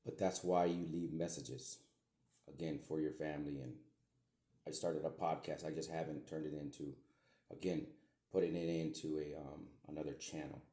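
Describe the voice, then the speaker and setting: A man's voice: a bass voice, fairly even intonation, normal speed, mellow. A middle-aged man and podcast host, talking to his daughter in a meandering, repetitive way with some mild swearing. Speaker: podcast host, self-described medium. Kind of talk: rambling spoken message to his daughter. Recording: echoey room.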